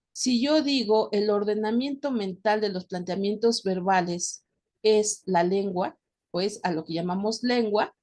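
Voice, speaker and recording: Woman, Mexican accent, teacher, patient explanatory lecture, mid pitch. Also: a little mellow. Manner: explanatory, checks in with "¿verdad?"; addresses students directly. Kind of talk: recorded class lecture.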